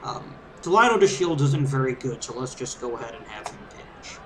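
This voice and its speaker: A man with a mid-pitched voice talks through a game as a let's play host. His commentary is casual and conversational, with an easygoing manner. There is clearly audible background noise from the game's ambience behind his voice. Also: sing-song, moderate pace, low-quality recording. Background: video game crowd ambience and background music.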